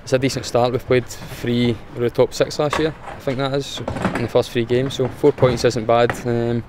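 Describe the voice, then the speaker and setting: A man's voice: mid-range voice, level tone, normal speed, background noise. A young man with a Scottish accent, a footballer giving a plain, matter-of-fact post-match interview outdoors with frequent fillers. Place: outdoors in front of a sponsor board.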